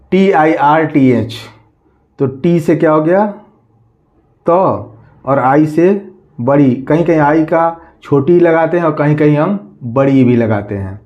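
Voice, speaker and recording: A man teaching a class, slowly spelling words out letter by letter, asking questions and answering them himself. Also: fairly high pitch, muffled recording. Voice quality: slow, drawn-out letter-by-letter spelling, repeating questions.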